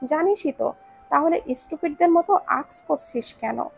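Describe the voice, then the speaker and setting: A woman's voice: high voice, moderate pace, vocal fry. A woman voicing a blunt, cold, possessive young man in a read-aloud romance story, with curt, clipped answers. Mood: terse.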